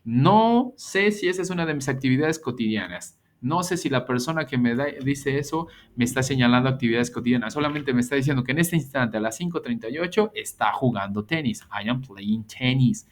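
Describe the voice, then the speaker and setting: A man's voice: mid-range voice, animated. Patient male teacher explaining grammar. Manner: patient, explanatory, repeats examples slowly. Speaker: English teacher. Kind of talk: recorded grammar lesson.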